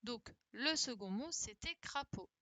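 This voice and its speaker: A primary school teacher runs a young class over a video call on her computer mic, correcting worksheets and repeating her questions to coax pupils into answering. Her voice is on the high side, expressive, bright and forceful, at a measured pace with no echo.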